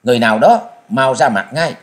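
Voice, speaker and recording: A man's voice: mid-range voice, big pitch swings, brisk, lightly acted. A man voicing a proud young male swordsman who challenges a hidden foe with defiant calls.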